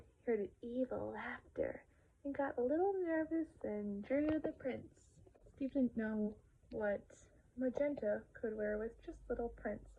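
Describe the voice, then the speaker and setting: Woman retelling a kids' story, phone-like sound. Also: a little high. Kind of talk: casual retelling of a children's episode.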